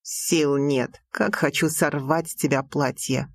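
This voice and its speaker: A woman reading an audiobook, voicing a passionate, teasing young prince with slow, low, intimate delivery. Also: fairly even intonation, dry recording, full character voice. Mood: tender.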